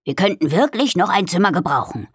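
A woman voicing a calm, grumbling male carpenter in a storybook reading. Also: on the low side, husky, no room sound, studio quality. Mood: thoughtful. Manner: grumbling, measured.

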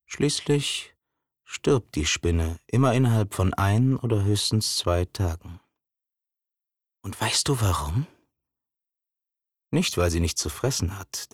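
A man narrating an audiobook prologue in a calm, sinister, measured way. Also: low-pitched, no echo, clean studio sound.

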